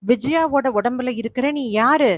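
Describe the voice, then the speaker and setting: A woman's voice: high-pitched, normal speed, no room sound, studio quality. A woman voicing a worried middle-aged husband who pleads anxiously, in a storybook reading.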